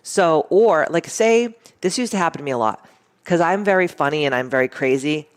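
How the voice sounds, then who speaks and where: Blunt, animated woman telling a story. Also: low voice, brisk. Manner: animated, blunt, swears freely, acts out quotes. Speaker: interview guest. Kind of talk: casual storytelling chat.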